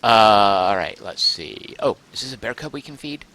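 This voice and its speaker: A man streaming a game live, chatting excitedly, thinking aloud and reading chat messages aloud, close to his microphone. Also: fairly low pitch, moderate pace. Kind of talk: live gameplay commentary.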